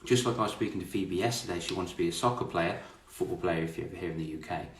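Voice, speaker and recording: A man's voice: low-pitched, quick pace, distant mic, slight background noise. An English man hosting an online interview, upbeat and chatty, often repeating his words. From England. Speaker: host. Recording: echoey room, away from the mic.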